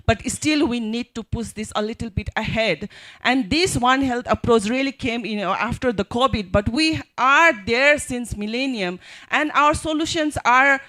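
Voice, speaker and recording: A woman's voice: on the high side, fairly bright tone. A woman giving an unscripted advocacy talk as a panel speaker, with non-native English phrasing.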